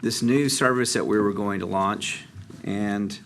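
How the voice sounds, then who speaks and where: A man's voice: on the low side, a little slow, gravelly, fairly bright tone, slight background noise. A man giving a casual, conversational update to a city council, with many fillers and restarts. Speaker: transit district presenter. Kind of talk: council presentation.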